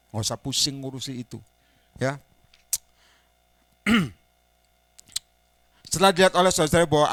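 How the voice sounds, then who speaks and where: A man's voice: mid-range voice, fairly bright tone, dry recording. A man preaching an informal Bible-study sermon, teasing the congregation and prodding them for amens and read-alouds. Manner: acts out little everyday dialogues. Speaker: pastor.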